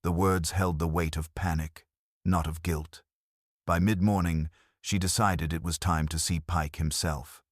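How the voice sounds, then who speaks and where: Deep, dry male audiobook narrator. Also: no room sound. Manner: calm, measured reading.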